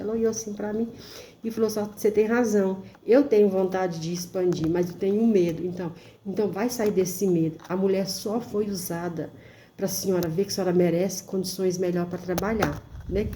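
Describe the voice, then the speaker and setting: A woman telling a story in a gentle, reassuring way, often checking in with her listener. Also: mid-range voice, a little hiss or hum. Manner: gentle, reassuring, keeps asking "né?". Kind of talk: storytelling monologue.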